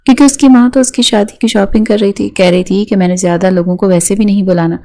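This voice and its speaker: A woman reads a romance novel aloud in a steady storytelling manner. Her voice is mellow and warm. It sits at a middle pitch. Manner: steady storytelling, voicing each character in turn. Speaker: audiobook narrator. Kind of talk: scripted novel narration.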